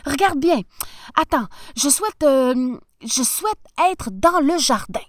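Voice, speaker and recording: An excitable, easily delighted male professor, as a woman puts him on in a storybook reading, exclaiming high and breathless with wonder. His voice swoops up and down as he marvels. The recording is dry and close. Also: takes it slowly, dry recording. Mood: excited.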